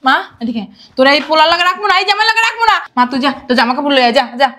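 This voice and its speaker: A woman playing a mother in a drama, loudly scolding her son-in-law in village dialect. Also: sits high, lively intonation, racing. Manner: loud scolding in rural dialect. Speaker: mother of the bride. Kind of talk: Bangladeshi village drama acting.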